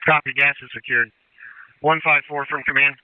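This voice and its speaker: A man's voice: on the high side, steady tone, moderate pace. An American man working as a fire incident commander, giving terse procedural orders over a two-way radio. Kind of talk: fireground radio dispatch traffic. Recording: tinny narrowband two-way radio.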